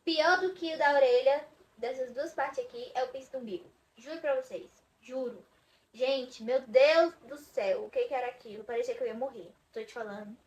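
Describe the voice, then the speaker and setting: A woman's voice: a little high, darkish tone, a little hiss or hum, poor audio. A young woman from Brazil chatting to camera in a casual vlog, talking in a chatty, dramatic way and swearing to her viewers that it's true. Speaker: vlogger.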